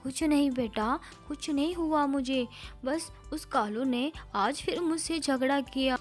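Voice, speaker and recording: A woman's voice: high voice, measured pace, faint music behind. A woman voicing a brave little female sparrow who runs a clothes shop and is a mother. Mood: weary.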